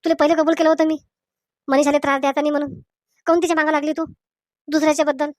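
A firm young husband who lectures his mother, speaking, as a woman puts him on. The voice stays fairly high and is recorded dry and close. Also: little pitch movement, very fast, a little mellow, no room sound, close to an everyday voice. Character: young married man, firm protective son.

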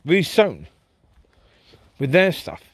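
This vlogger's fairly high, sing-song voice moves at a slow pace with a breathy edge and no echo. He rambles reflectively to camera as he walks his dogs outdoors along a park path at night, recorded on a handheld camera while walking.

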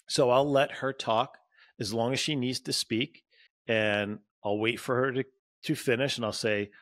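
A man's voice: mid-range voice, a bit bright. A man hosting a podcast as a relationship coach, talking straight to his listeners in a conversational motivational style and acting out little quoted moments. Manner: direct, addresses listeners as "you" and "guys". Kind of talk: motivational solo talk.

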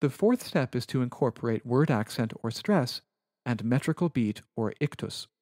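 A man at a mid pitch lectures on Latin verse in a careful, precise way, as if walking through slides. The recording is close and dry, with no room sound. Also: lively intonation, a little mellow, no echo. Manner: measured, precise, explanatory.

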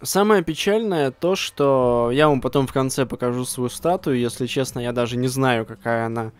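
A man's voice: medium pitch, normal speed, clean tone, no room sound. A man giving casual, slangy gameplay commentary with self-deprecating grumbling. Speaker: gaming video host.

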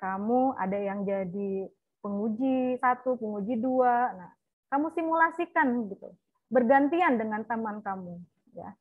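Middle-aged female lecturer, chatty coaching tone, higher voice, dry phone-quality audio. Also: no room sound. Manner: chatty, frequent "ya" and "nah" fillers. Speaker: university lecturer. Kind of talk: online lecture to students. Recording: thin phone-like sound, dry.

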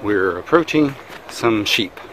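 A man's voice: lowish voice, takes it slowly. Man chatting on a mountain hike. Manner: relaxed, chatty, observational. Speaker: family vlogger. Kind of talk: casual hiking vlog narration. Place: outdoors on a forest mountain trail. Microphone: handheld camera at arm's length. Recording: outdoor noise behind.

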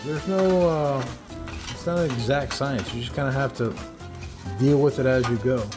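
A man's voice: medium pitch, normal speed, music in the background. A man hosting his cooking channel, casually talking viewers through each step as he cooks at an outdoor griddle. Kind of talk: casual cooking demo narration.

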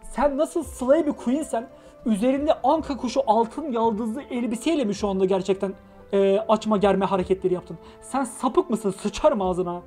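A male streamer reading a story game aloud on a live stream and chatting with viewers, joking and excitable, bursting into shouts and swearing. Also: sits high, normal speed, faint music behind.

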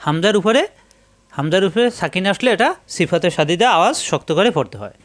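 Male Quran teacher, Bangladeshi Bengali accent, slightly high voice, patient, repeats every syllable. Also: lively intonation, fast talker, fairly bright tone. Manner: patient, repetitive drilling of syllables. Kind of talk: step-by-step Quran reading lesson.

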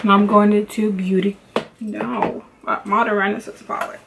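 A woman's voice: medium pitch, level tone, moderate pace, creaky, noisy background. A woman, chatting casually through a makeup tutorial in her bedroom, full of "like" and "um" fillers. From Los Angeles, United States. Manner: chatty, rambling, many "like" and "um" fillers. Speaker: beauty vlogger. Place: home bedroom with lamps and makeup shelves.

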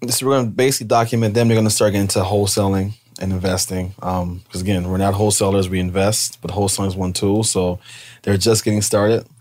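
A man co-hosting a podcast, chiming in with energetic quick interjections. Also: fairly low pitch. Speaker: podcast co-host. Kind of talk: casual podcast chat.

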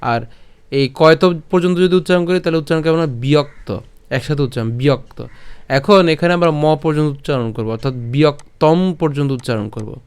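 A man teaching verse pronunciation in a patient, step-by-step way, asking and answering his own questions and chanting verse lines slowly. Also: on the high side, smooth. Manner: slow drawn-out chanting of verses. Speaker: Gita recitation teacher. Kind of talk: pronunciation lesson.

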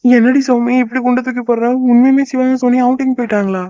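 A man voicing a fast-talking cartoon husband. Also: very high-pitched, fairly even intonation, mellow, dry recording, lo-fi sound. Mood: alarmed. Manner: fast, scolding then soothing. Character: young husband, fretful but soothing.

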